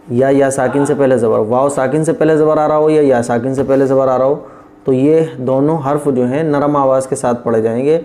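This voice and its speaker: A man's voice: mid-range voice, warm tone. Patient male Quran reading teacher. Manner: repetitive, patient, drills letters one by one. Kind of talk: patient classroom explanation with slow drilled recitation.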